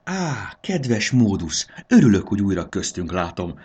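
A man's voice: on the low side, sing-song, a little mellow, husky. Storybook figure: pompous aristocratic bracelet, languid drawl, man performs. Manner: languid, self-satisfied drawl.

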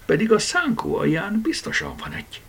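Brief: a little storybook girl, sleepy yet bossy, high, husky and lively, as a man puts her on. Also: full character voice. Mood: puzzled. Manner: high, breathy child voice.

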